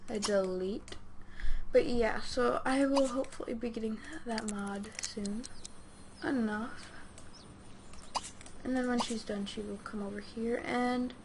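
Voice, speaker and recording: A woman with a sore throat giving casual let's play commentary, rambling hesitantly as if talking to herself. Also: fairly high pitch. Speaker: gaming host. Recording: clearly noisy home recording.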